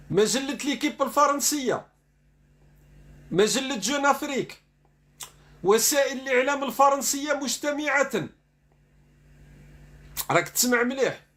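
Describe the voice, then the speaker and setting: A man speaks in a strikingly high voice. He gives sarcastic online commentary, reading quotes from news dispatches aloud before ridiculing them. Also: bright, forceful tone.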